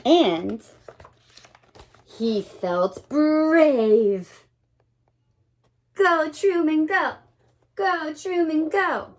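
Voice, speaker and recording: A woman teacher whose voice sits high brings a children's picture book to life, reading it with dramatic expression and pausing to put questions to the little ones listening.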